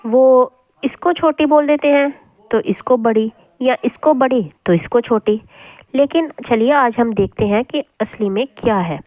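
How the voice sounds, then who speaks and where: A woman teacher explaining a spelling lesson patiently, repeating words slowly to show how they sound. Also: fairly high pitch, darkish tone, dry recording.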